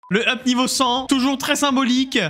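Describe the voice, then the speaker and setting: A man's voice: very high voice, flat delivery, moderate pace, sharp tone, soft background music. A man streaming a video game, joking with his chat in a casual, exclamatory way. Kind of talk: casual live-stream gaming commentary.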